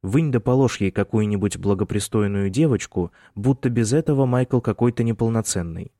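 A man narrating an audiobook in a measured, even reading. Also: on the low side, no echo, clean studio sound. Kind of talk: scripted narration.

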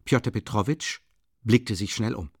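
A man narrating a classic novel in a measured, expressive storytelling manner. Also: fairly low pitch, slightly rough, no room sound, clean studio sound. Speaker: audiobook reader. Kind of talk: scripted literary narration.

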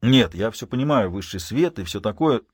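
A man's voice: lowish voice, lively intonation, normal speed, slightly rough, dry recording. A man voicing a cheerful teenage schoolboy who banters with mock enthusiasm, in an audiobook recorded in a dry, close space. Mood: joking.

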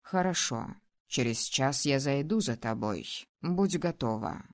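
A woman voicing a deep-toned mocking young ruler. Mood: gentle. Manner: low, slow, calm and mocking. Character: young male ruler, teasing, domineering, tender. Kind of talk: audiobook character voice.

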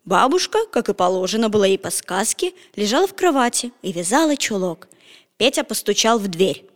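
A woman narrating a children's storybook in an expressive, animated way. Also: mid-range voice, a little fast. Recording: long echoing reverb.

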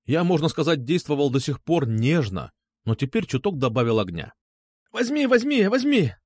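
A man narrating a first-person story in a wry, lively way. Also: medium pitch, brisk, dry recording, clean studio sound. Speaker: audiobook narrator.

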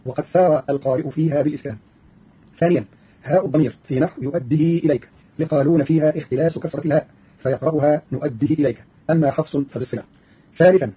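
A man's voice: a little high, breathy edge. A man giving a formal scripted explanation, point by point, on an old radio recording. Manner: formal, didactic, enumerating points. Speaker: radio presenter explaining readings. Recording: dull lo-fi archive radio recording.

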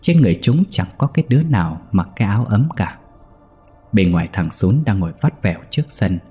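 A man narrating a ghost story in a steady, measured way. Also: fairly low pitch, faint music behind.

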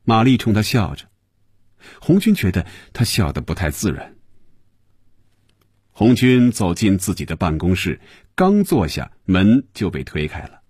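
A man narrating a novel in an expressive storytelling manner. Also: low-pitched, unhurried, breathy edge, no echo, studio quality. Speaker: audiobook narrator.

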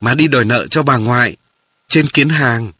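A man voicing a gentle, sorrowful mother in a memoir reading, speaking softly and slowly. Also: mid-range voice, slightly rough, dry recording, studio quality. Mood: tender.

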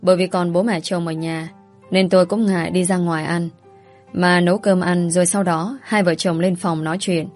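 Woman storyteller, first person, steady measured reading, lowish voice, soft music underneath.

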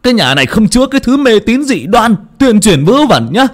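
Guy doing a raging stubborn old ex-soldier, yells and stammers, storytelling voice. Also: very high voice, sing-song, brisk, pitched above the performer's own voice. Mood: furious. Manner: shouting, stammering with rage. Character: stubborn angry older man, ex-soldier.

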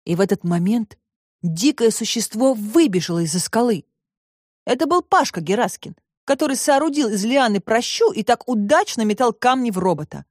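A woman narrating a children's audiobook in an expressive storytelling manner, close to the mic. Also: on the high side, normal speed, no echo.

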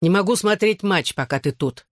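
A woman's voice: lowish voice, animated, normal speed, no echo, clean studio sound. Woman doing a slurring drunk father, snarling. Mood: drunk, furious. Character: drunk violent middle-aged father.

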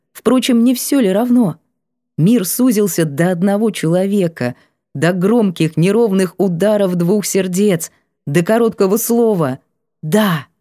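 A woman narrating a fantasy audiobook, reading calmly and evenly at a measured pace. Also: mid-range voice, dry recording, clean studio sound.

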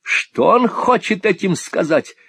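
A man voicing a coarse, abusive schoolmaster's wife who cackles and shrieks insults in a high voice. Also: lively intonation, slow pace, vocal fry, a bit bright, husky, exaggerated voice. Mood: shrieking.

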